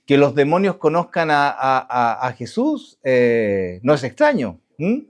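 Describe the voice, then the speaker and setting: A man preaching a sermon to his congregation, halting with restarts and asking rhetorical questions. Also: medium pitch, big pitch swings. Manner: halting, many restarts and fillers. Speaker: pastor.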